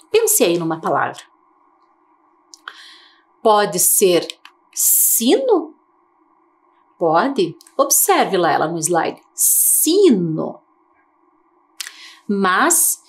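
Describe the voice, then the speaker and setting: A woman teacher from Brazil giving a televised lesson to young children, slow and coaxing, asking many questions. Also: high voice. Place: TV studio.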